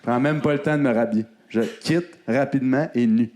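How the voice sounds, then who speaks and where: A man's voice: medium pitch, fairly quick, darkish tone. A man with a Québécois accent hosting a live comedy show, teasing the crowd with mock outrage. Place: comedy club stage.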